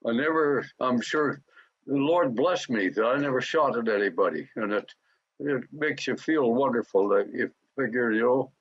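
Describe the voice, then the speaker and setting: A very old man in his nineties tells his wartime memories in a husky, breathy voice. He talks haltingly and often stops to restart his words. The recording is dry and dull, like lo-fi tape. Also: mid-range voice, dry recording. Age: 90s. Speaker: war veteran interviewee. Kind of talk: recounting memories in an interview.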